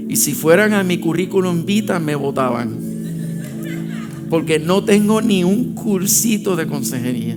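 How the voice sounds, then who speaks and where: A male pastor preaching emphatically, acting out prayers and punching points with sound effects. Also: fairly high pitch. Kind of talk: sermon. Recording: loud music playing behind the voice.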